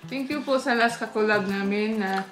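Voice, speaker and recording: A woman's voice: mid-range voice, normal speed. A woman hosting a casual mukbang vlog, chatting between bites and politely wrapping up with thanks. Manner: chatty, friendly sign-offs with polite po. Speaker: mukbang vlogger. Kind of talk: casual Taglish mukbang chat. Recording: roomy echo with background music.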